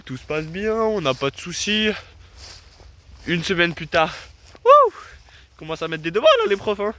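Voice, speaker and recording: A man's voice: a little high, pushed and bright. A young man, chatting casually to his viewers in a self-mocking way and laughing often. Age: late teens. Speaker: vlogger. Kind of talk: casual vlog chat.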